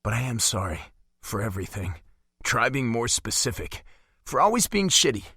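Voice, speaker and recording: A man's voice: mid-range voice, sing-song, moderate pace, pushed and bright, husky, no room sound, clean studio sound, exaggerated voice. A man voicing an agitated, defensive young man, the best friend in an audiobook story, with a raised, heated delivery. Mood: remorseful.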